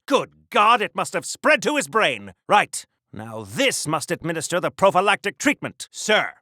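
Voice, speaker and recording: Bright, excitable golden age Deadpool. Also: male voice, sits high, no echo, clean studio sound, exaggerated voice. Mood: alarmed, earnest. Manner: chirpy, old-fashioned, rambling, exclaims in quaint oaths. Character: earnest, awkward, prudish old-time golden age superhero. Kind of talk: mid-century hero voice acting for a video game.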